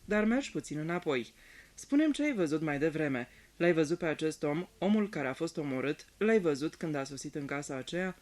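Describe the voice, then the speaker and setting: A man reading an audiobook aloud in a calm, even storytelling manner. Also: fairly high pitch. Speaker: audiobook reader. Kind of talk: scripted audiobook narration.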